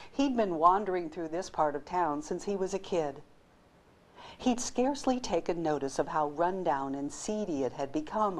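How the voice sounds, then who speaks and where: A woman who works in voice-over, narrating a story expressively and playfully, with lively asides. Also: on the low side. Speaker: voice-over actor.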